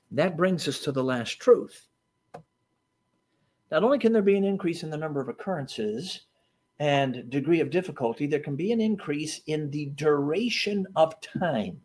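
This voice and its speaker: A male preacher delivers a sermon to a seated congregation. His voice sits high and rises and falls dramatically, breaking into laughter and sudden shouts. He speaks with animated, storytelling energy. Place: church or meeting hall with seated audience.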